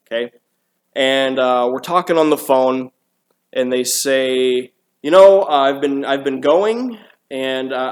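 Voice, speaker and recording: A man preaching a sermon in a church, talking in a loose conversational way with restarts and quick asides to the congregation. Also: fairly high pitch. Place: church sanctuary.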